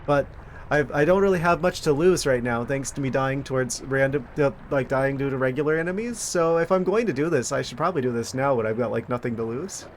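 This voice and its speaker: A man giving casual, wry gameplay commentary as a streamer, thinking out loud. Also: mid-range voice, fairly quick, slight background noise. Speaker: game streamer.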